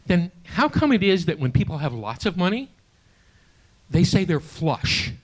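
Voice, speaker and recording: An older man in his late sixties doing stand-up on a small theater stage, his voice pitched a touch high and swinging widely as he tells his jokes. He stammers through restarts with a self-deprecating edge, and the audience laughs behind him. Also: big pitch swings, a little hiss or hum. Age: 60s. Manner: halting, self-deprecating delivery with many restarts. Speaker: stand-up comedian. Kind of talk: stand-up comedy set.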